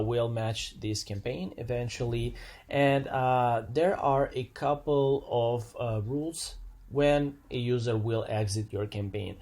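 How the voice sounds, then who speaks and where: A medium-pitched man gives an unscripted software walkthrough, explaining each step a little hesitantly and repeating phrases as he goes.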